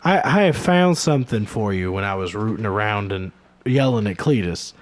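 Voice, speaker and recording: A man's voice: on the low side, expressive, moderate pace, voice pushed down, natural voice. A man voicing a grateful, folksy hick rancher with a drawling voice.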